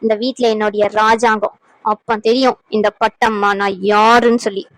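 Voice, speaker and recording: A cunning cartoon plotter, voiced by a woman, smug in her asides and sweetly worried in company. Her voice sits high and bright, recorded dry and close with no room around it. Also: level tone, normal speed, dry recording, natural voice, rough recording. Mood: gloating, sly. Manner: sly gloating asides, fake worry when others listen. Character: scheming woman who secretly plots against a pregnant girl. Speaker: cartoon character.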